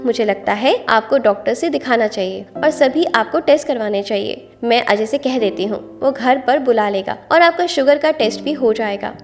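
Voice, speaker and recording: A woman's voice: on the high side, normal speed, hardly any pauses, faint music behind, natural voice. A woman voicing a caring married daughter who speaks to her mother in a reassuring, firm way.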